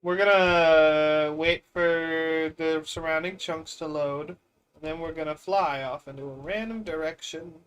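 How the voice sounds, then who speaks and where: A young man with a fairly high, slightly bright voice that is clear and resonant speaks at a measured pace with fairly even intonation. He streams a block-building game with casual, rambling commentary, incredulous as he teases his chat.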